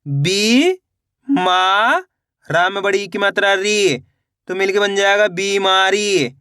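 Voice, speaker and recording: In this spelling-out reading lesson, a man who teaches Hindi reading pauses to quiz viewers, repeating his questions as he slowly breaks words into syllables. The voice is high, bright, smooth and clear, captured close up in a dry recording without any room sound.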